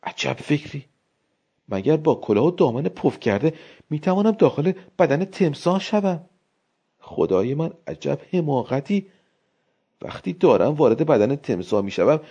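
A man reading an audiobook, voicing a fickle, self-absorbed young wife in a softer, quieter, fretful voice. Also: a little high, vocal fry, breathy edge, exaggerated voice. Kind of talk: audiobook character voice. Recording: dull lo-fi recording.

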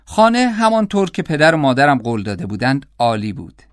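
A man reading an audiobook in a measured, calm storytelling manner. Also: mid-range voice, dry recording, studio quality. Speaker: audiobook narrator. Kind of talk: scripted audiobook narration.

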